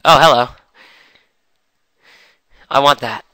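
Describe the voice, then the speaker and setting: A young man with a cold, chatting excitedly through a game session. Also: mid-range voice, slow pace, smooth, no echo. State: has a cold. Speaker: gamer. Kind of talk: casual game commentary.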